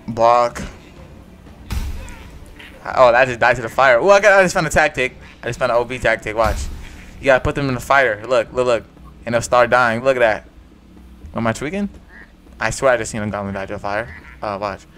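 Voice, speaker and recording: Over a faint music bed, a young man who makes gaming videos gives casual, mumbled gameplay commentary full of slang. He talks fairly quickly but pauses often, in a medium pitch with a fairly bright tone.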